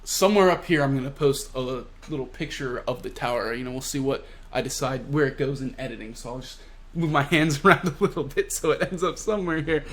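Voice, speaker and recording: A young man casually and excitedly recapping a manga chapter, full of slang and fillers. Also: mid-range voice, fairly quick. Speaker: manga reviewer.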